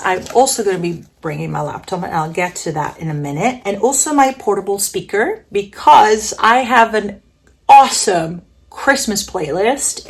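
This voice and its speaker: A woman's voice: medium pitch, a little hiss or hum. A woman narrating a casual packing vlog in a chatty, enthusiastic way, with playful self-aware humor. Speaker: vlogger.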